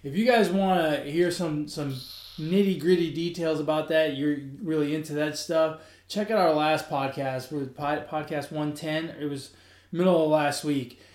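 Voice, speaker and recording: Guy hosting a laid-back sports podcast, kinda high voice, jokey. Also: steady tone, moderate pace, darkish tone, roomy sound. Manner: joking, easygoing, stumbles and restarts. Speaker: podcast host. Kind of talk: casual sports podcast chat.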